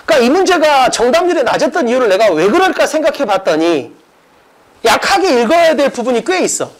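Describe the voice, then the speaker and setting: The audio is rough as this academy director and English exam-prep teacher walks students through a mock exam. Speaking informally and emphatically in a high voice with big pitch swings, a little fast, he hammers home points with repetition and rhetorical questions.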